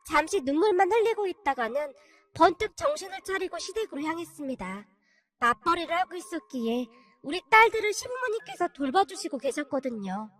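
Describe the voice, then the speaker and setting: A woman narrating a scripted first-person story in a steady, confessional manner, over faint music. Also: high-pitched.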